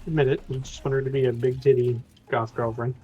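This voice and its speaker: A man's voice: mid-range voice, little pitch movement, fast talker, dark tone. A man joking along while playing a game with friends. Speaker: co-player. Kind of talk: casual gameplay chat. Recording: dull lo-fi mic.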